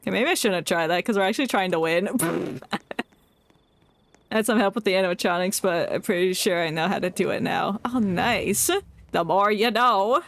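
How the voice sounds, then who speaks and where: Giggly and chatty, a woman streaming a game talks casually to herself and the in-game characters as she plays. Her voice is medium in pitch and fairly bright, her pace moderate, with background music beneath.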